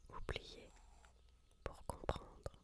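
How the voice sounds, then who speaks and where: A woman reads aloud from a book in a hushed library whisper, fully unvoiced. Her delivery is soft and very measured, taking each phrase slowly in an ASMR style. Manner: slow, measured, deliberate phrasing. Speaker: reader.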